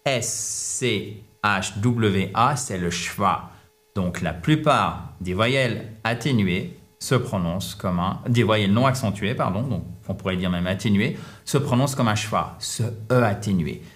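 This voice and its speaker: A man teaching English pronunciation, explaining in a lively, teasing way and prompting his guests. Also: fairly low pitch, unhurried.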